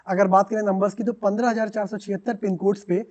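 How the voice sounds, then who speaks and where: A man, a startup co-founder, answering podcast interview questions in a steady explanatory way and mixing in English business terms. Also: sits high, quick pace, highs cut off. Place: podcast studio.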